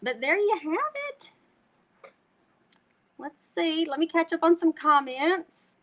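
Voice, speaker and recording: A woman's voice: very high-pitched, lively intonation, takes it slowly, fairly bright tone. A woman from North Texas with a Texan twang, hosting a chatty live craft tutorial and talking to her viewers as y'all. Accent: Texan Southern twang. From North Texas, USA. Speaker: host demonstrating card making.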